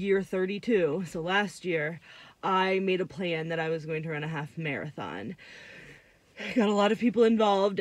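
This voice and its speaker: In a lowish voice with no echo, a woman from Vermont in her thirties vlogs casually, chatting upbeat and rambling into a phone held near. She begins in a gym hallway and finishes in a parked car.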